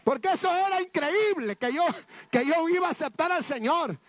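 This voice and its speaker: A man's voice: very high voice, expressive, moderate pace, dry recording. A man preaching a sermon testimony, fervent and repetitive, often calling out to his listeners as brothers.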